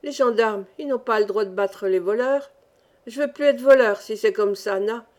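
Whiny protesting village kid, done by a woman reader, slightly high voice. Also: moderate pace, a little mellow, lightly acted. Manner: whining, protesting. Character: whiny little boy Boulot, sulking.

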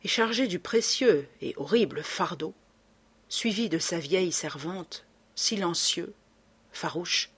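Husky woman reading a drama aloud. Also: on the low side, slow. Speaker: narrator. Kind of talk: audiobook narration.

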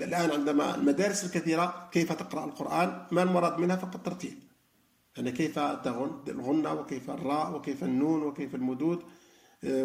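A man's voice: on the high side, vocal fry, reverberant. A man giving a religious ethics lesson, talking earnestly with many fillers and restarts. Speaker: Islamic ethics teacher. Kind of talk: religious lesson explaining sayings.

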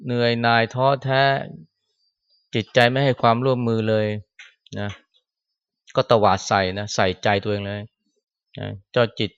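A man, a Buddhist monk, giving a conversational Dhamma talk in a temple hall, with a soft particle closing his phrases and scolding quotes acted out now and then. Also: medium pitch, steady tone, a little slow, long pauses, clean tone, muffled recording. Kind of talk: sermon. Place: temple hall after chanting.

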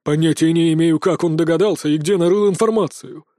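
A man voicing a hot-tempered, arrogant male governor who blusters and shouts in an audiobook. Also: a little high, brisk, no room sound, studio quality, close to an everyday voice. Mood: angry.

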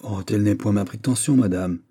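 Guy doing a petulant jealous prince, whiny, gets shrill, dark husky tone. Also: fairly quick. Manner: whining, sulky, rising to shrill outbursts. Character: petulant jealous royal prince, young man.

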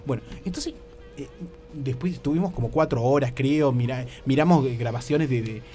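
A radio comedy host with a dark, medium-pitched voice and a Rioplatense Argentine Spanish accent speaks at normal speed. He tells a comic story on air, jumping into exaggerated voices and constantly asking "¿viste?".

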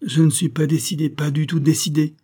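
Anguished young man in a classic novel reading, raised and jerky, as a male narrator puts him on, dark husky tone. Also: lowish voice. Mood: agitated. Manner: agitated, halting outbursts. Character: troubled young man, pale, tormented. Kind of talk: audiobook reading.

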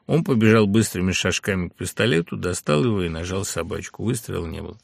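A man narrating a novel aloud in an expressive, animated reading. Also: sits low, fast, creaky, no room sound, studio quality.

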